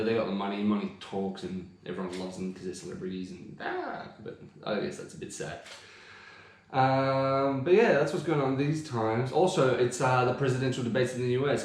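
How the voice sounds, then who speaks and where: A man chats casually on a podcast, rambling from point to point and swearing freely. His voice sits at an ordinary middle pitch, with a strong echo from the room around him. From Australia. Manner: swearing, laid-back, rambling. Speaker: podcast co-host. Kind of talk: casual chat.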